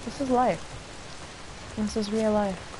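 Here the young woman streamer speaks slowly in a mid-range voice, still offering casual, profane, teasing and sarcastic commentary as she plays live. Video game ambience sits behind her in a noisy recording.

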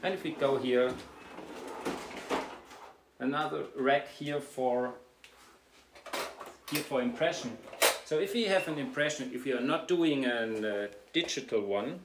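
Slow, halting man touring a dental clinic. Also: mid-range voice. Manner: slow, halting, with many fillers and restarts. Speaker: dentist giving a clinic tour. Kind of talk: guided tour, explaining while walking. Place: indoors, a dental clinic treatment and sterilization room. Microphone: camera mic from a few steps away. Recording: roomy, distant, with clear background noise.

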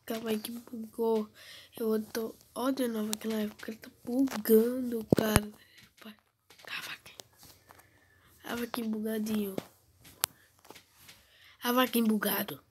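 A teenage girl gives casual commentary over a game. She has a cold and keeps her fairly high voice soft and low, often near a whisper. A faint hiss sits under the recording. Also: little pitch movement, a little slow, long pauses. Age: teens. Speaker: gamer vlogger.

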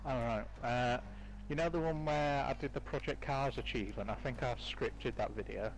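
A man's voice: medium pitch, moderate pace, a crowd in the background, low-quality recording. A man talking hesitantly in a casual online game chat. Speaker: gamer in a party chat.

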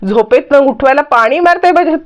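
A woman voicing an angry, sharp-tongued young mother who scolds and snaps in a story retelling. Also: high voice, animated, fairly quick. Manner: snapping, scolding.

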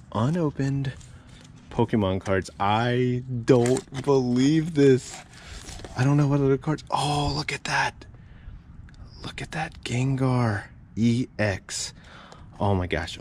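This is an excited unboxing vlog: a man searches a storage unit, filming on a head-mounted action camera and repeating amazed exclamations. His voice sits on the low side, and a bit of hiss or hum comes through.

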